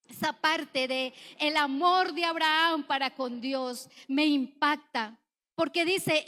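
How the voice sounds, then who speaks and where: A woman's voice: high-pitched, pushed and bright. A woman pastor preaching a sermon, asking her congregation questions and acting out prayers aloud. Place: church sanctuary. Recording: long reverb from a church hall.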